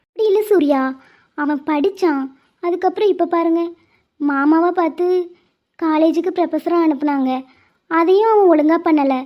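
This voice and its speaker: A woman's voice: very high-pitched, moderate pace, pauses often. A woman voicing a chatty, curious young bride who teases in a bubbly way. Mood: earnest. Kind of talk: Tamil cartoon voice acting. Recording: muffled lo-fi audio.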